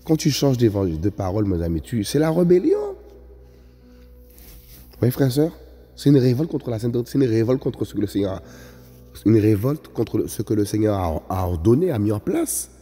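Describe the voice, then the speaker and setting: A man's voice: fairly low pitch, very animated, a little fast, dark tone, husky. A man preaching a sermon in an emphatic way, often calling out to his brothers and sisters. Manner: emphatic, repeats "vous voyez, frères et sœurs". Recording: long reverb with faint music.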